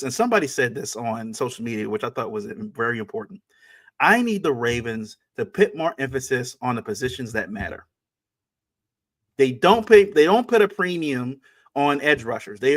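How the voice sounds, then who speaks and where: Guy on a sports podcast, casual chat, keeps hammering the same point, lots of restarts, medium pitch. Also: a bit bright. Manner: emphatic, repeats points, frequent restarts.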